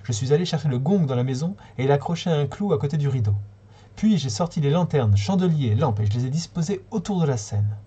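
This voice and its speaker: A man reading a short story aloud on a livestream, in a calm, steady way with occasional small slips. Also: on the high side, a little fast, husky. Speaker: reader.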